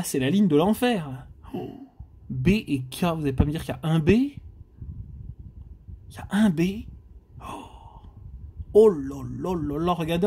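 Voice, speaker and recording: A man's voice: high voice, a little mellow, slightly rough. A man from France giving casual commentary while scratching lottery tickets, exclaiming and groaning at each letter. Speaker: scratch-card vlogger.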